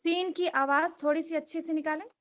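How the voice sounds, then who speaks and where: Bright high-voiced woman teaching letters. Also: fairly even intonation. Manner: patient, corrective, models each letter sound. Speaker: Quran reading teacher. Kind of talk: online letter-by-letter reading lesson.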